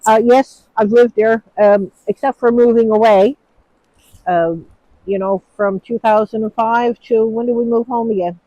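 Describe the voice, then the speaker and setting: A woman's voice: a little high, steady tone, a little slow, dark tone, no echo, lo-fi sound. A woman with a Newfoundland accent chatting outdoors to a phone, answering viewer questions in a rambling, hesitant way. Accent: Newfoundland English. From Newfoundland, Canada. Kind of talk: casual chat. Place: outdoors, with snow falling.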